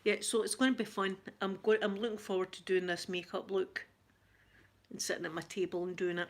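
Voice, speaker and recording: A woman's voice: mid-range voice, flat delivery, fairly quick. A woman with a Glaswegian Scottish accent, chatting casually on a live ASMR stream, greeting viewers by name and often breaking off mid-sentence. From Scotland. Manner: chatty, warm greetings to viewers, frequent laughs and self-interruptions. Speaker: ASMR channel host reading live chat.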